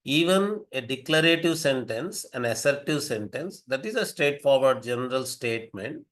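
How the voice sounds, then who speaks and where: An older man with an Indian English accent, giving an explanatory lecture in a measured way, often rephrasing himself. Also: medium pitch, expressive, fairly bright tone.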